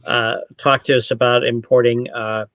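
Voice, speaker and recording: A man's voice: mid-range voice, little pitch movement, normal speed, a bit bright, dry recording. Dry-sounding rambling Canadian-raised man. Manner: explanatory, rambling, with frequent self-corrections. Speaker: distillery brand ambassador. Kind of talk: casual online tasting chat.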